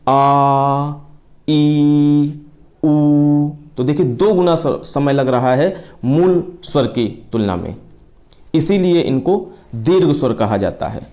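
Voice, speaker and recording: A man's voice: medium pitch, dark tone. A man teaching an exam-prep lesson, explaining step by step, repeating key terms and stretching sounds to demonstrate them.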